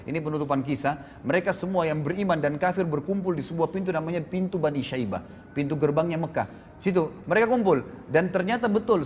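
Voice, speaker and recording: Fast-talking man preaching in a mosque. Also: a little high. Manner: animated, addresses listeners directly. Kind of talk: storytelling sermon. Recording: echoey mosque hall, faint background noise.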